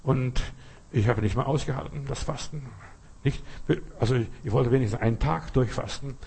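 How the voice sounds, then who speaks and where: Husky emphatic male preacher. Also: moderate pace. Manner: talks straight to the listener, keeps asking "you understand?"; emphatic, with sudden rises in pitch and loudness. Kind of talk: sermon.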